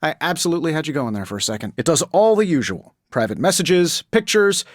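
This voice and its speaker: A man's voice: fairly high pitch, sing-song, fast talker, no echo, clean studio sound. A man playing a wisecracking, cocky genius inventor superhero in a video game, talking in a glib, sarcastic, conversational way. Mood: wry, breezy. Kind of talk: video game character voice lines.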